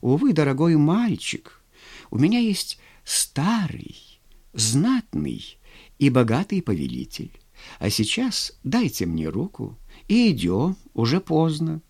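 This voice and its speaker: A man's voice: fairly high pitch, huge pitch swings, takes it slowly, creaky, darkish tone, breathy edge, full character voice. A man voicing a coolly teasing young lady. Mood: coolly mocking. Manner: languid, mocking. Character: cool teasing young married woman.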